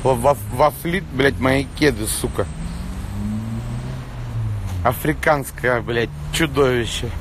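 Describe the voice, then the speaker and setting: A man in his thirties ranting casually on a livestream as he walks, swearing constantly like a rough street thug. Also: mid-range voice, takes it slowly, long pauses. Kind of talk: casual livestream chat while walking. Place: outdoors on a city street. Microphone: phone at arm's length. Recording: noisy outdoor street, traffic.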